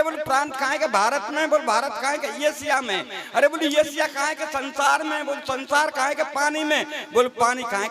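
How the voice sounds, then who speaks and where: A man reciting comic poetry on stage, telling stories with mock dialogue and teasing his fellow poets. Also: extremely high pitch. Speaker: stage comedy poet. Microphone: stage microphone. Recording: live crowd behind the voice.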